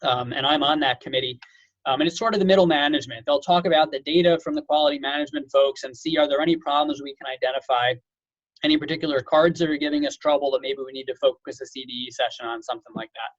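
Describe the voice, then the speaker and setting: A physician and medical director gives an informal webinar lecture, explaining things conversationally and tossing in casual asides. His voice sits in the mid range and he talks fast, on a dry, dull-sounding recording.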